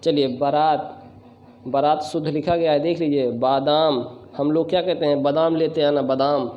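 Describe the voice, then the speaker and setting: A man's voice: a little high, steady tone, normal speed, dull audio. Man teaching spelling in an echoey room. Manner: corrective, addresses viewers as friend. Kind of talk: spelling lesson to camera. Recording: echoey room, faint background noise.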